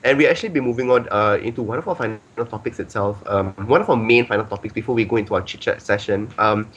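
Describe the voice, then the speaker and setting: A man's voice: lowish voice, quick pace, a bit bright, lo-fi sound. A man hosting a casual podcast, rambling with many ums and filler phrases. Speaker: podcast host.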